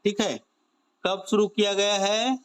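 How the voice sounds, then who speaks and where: A man runs an online coaching class, his voice sitting high and his pace unhurried. He keeps asking questions, answers them himself, and draws out the key phrases so students will remember them. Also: little pitch movement, a bit bright, smooth. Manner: drills students with repeated questions and "theek hai"; slow, stretched key phrases. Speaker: exam-prep teacher. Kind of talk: online current-affairs class.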